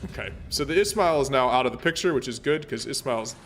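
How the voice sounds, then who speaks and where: A man's voice: mid-range voice, expressive, fast, fairly bright tone, soft background music. A man streaming a naval warship game, chatting casually and rambling with plenty of fillers and restarts. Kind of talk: casual gameplay commentary.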